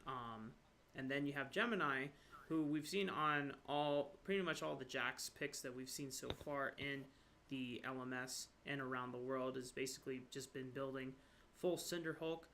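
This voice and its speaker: Bright-voiced man casting an esports match. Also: normal speed, vocal fry, a little hiss or hum. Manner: excitable, rises sharply in pitch at surprises. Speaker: esports caster. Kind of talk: live esports commentary. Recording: brief connection dropouts.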